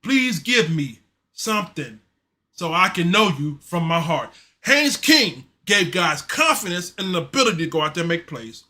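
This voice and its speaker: A man hosting a casual live-stream sports show, talking in a loose, slangy, animated way and reading chat messages aloud. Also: high voice, moderate pace. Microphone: streaming mic.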